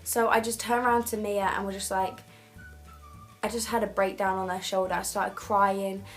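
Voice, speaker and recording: A woman's voice: medium pitch, little pitch movement, normal speed. A teenage woman recounting a personal experience in a vlog, rambling and candid with many fillers and restarts. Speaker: vlogger.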